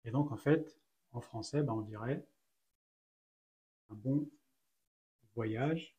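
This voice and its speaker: A man's voice: medium pitch, slow, dark tone, muffled recording. A man teaching an Arabic lesson in French, patiently explaining each letter and sound one at a time with frequent fillers. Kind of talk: slow step-by-step lesson.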